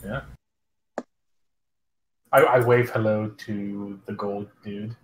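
A man's voice: fairly low pitch, level tone, slow, echoey room, poor audio. A man playing a tabletop game online, chatting in an easygoing, unsure way. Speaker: player. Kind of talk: casual game chat.

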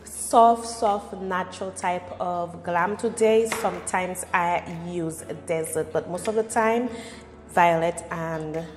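A woman's voice: on the low side, slow pace. A woman in her thirties chatting casually through a makeup tutorial and personal story, conversational and repeating phrases for emphasis. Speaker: beauty vlogger. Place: small bare-walled room indoors. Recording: echoey, reverberant room with music behind.

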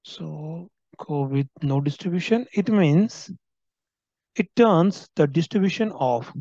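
A man walking through a software screen recording as a trainer, explaining each field and often checking in with "right?". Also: a little high, expressive, slow, no room sound, highs cut off. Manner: explanatory, frequent tag "right?".

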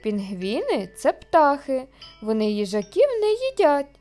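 A woman's voice: high voice, wildly swooping pitch, a little slow, darkish tone, soft background music, exaggerated voice. A woman voicing a clever, exasperated owl in a children's audio storybook, lecturing the others. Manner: lecturing, scolding.

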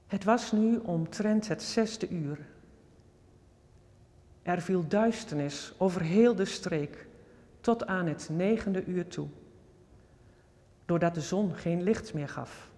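A man reads scripture aloud in a high, clear register, solemn and reverent. He takes his time over each phrase. The long reverb of a big, resonant room trails behind his words. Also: dark tone. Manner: measured and reverent, quotes spoken with stronger emphasis. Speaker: scripture reader. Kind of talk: solemn Bible reading.

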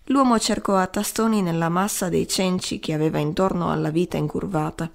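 A woman narrating an audiobook in a measured, literary way. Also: lowish voice, fairly even intonation, creaky. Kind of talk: audiobook reading.

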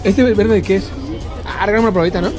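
A man's voice: high-pitched, fast talker, music in the background, a crowd in the background. A Mexican man hosting a prank vlog in an ice cream shop and on city streets, brash and cheeky, filmed on an action camera. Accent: Mexican Spanish. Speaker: prank vlogger host.

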